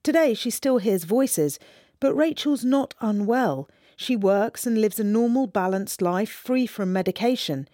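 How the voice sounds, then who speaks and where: A woman reporter giving scripted documentary narration in a measured, storytelling manner. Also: fairly high pitch, lively intonation, dark tone, no room sound, studio quality.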